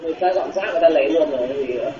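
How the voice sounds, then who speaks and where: A man's voice: a little high, rapid-fire, roomy sound, lo-fi sound, crowd noise. A man talking offhandedly with friends in a gaming chat.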